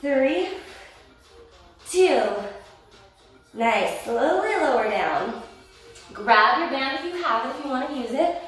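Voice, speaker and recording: A woman's voice: sits high, animated, slow pace, pauses often, fairly bright tone. A woman Pilates instructor cueing a workout and counting reps, encouraging and a little winded as she exercises along. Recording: roomy echo, distant mic, faint music.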